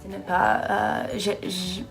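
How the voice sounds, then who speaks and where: An American woman speaks slowly in a casual vlog, her first language English showing through as she works her way through French. She hesitates often and fills the gaps with searching sounds while she hunts for the next word. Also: medium pitch, little pitch movement, creaky, faint music behind. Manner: halting, searching for words with many fillers. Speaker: vlogger.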